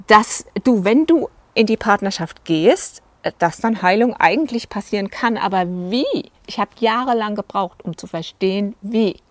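A woman's voice: mid-range voice, no room sound. A woman couples coach telling stories from her sessions in a casual, chatty way, acting out what her clients said, with fillers and asides. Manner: recounts client sessions, acting out quoted lines. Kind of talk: storytelling talk to video viewers.

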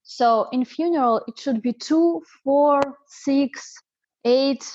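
A woman from Siberia with a Russian accent, chatting as an English student on a podcast in halting non-native English. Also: high-pitched, a little mellow, dry recording, lo-fi sound. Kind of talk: casual podcast conversation.

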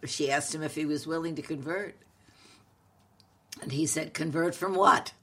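Woman, late eighties, New with flavor. Halting, wry, playful conversational storyteller. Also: low-pitched, little pitch movement, slightly rough. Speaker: comedic actress, podcast co-host.

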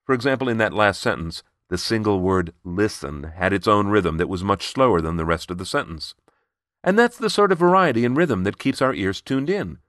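A presentation coach narrating a lesson, deliberately speeding up and slowing down his speech to show rhythm. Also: lowish voice, animated, fairly bright tone, no echo, clean studio sound. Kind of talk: scripted instructional narration.

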